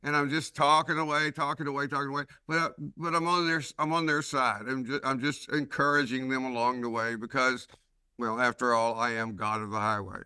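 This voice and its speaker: A man with a Southern US drawl hosts a casual podcast chat. He rambles through his stories with a wry, self-mocking edge. His voice is bright and forward, and it sits dry and close on the mic. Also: medium pitch, steady tone, fairly quick, clean tone, no room sound. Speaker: podcast host.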